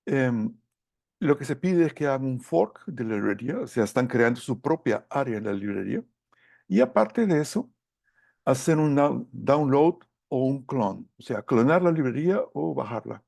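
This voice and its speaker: A middle-aged man giving a technical lecture from slides, speaking haltingly as he searches for his words. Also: medium pitch, expressive, vocal fry, a little mellow, no room sound, studio quality. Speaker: course lecturer.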